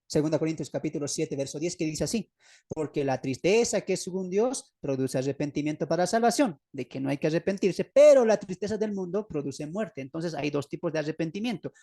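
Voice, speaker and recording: A man's voice: a little high, dark tone, no echo, studio quality. A man with a Bolivian Spanish accent teaches an online Bible study lesson over a video call. He asks his listeners questions, answers them himself, and repeats key phrases for emphasis.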